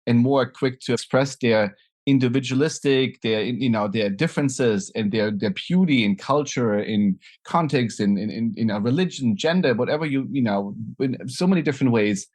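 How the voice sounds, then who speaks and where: At normal speed and a little mellow, this mid-range male voice belongs to a middle-aged German nonprofit founder with a German accent. He is a guest in a conversational interview, thinking aloud with many fillers and restarts.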